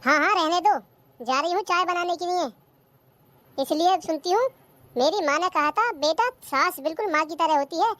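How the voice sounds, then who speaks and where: A performer voicing a lazy, cheeky young daughter-in-law in a cartoon comedy, who answers back. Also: female voice, very high voice, normal speed, a bit bright, a little hiss or hum.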